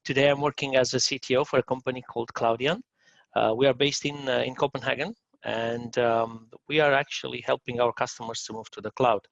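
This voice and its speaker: A man, giving a technical conference talk, halting with many fillers and restarts. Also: mid-range voice, steady tone, vocal fry, fairly bright tone, dry recording. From Romania. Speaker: conference speaker. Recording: dull lo-fi dry recording.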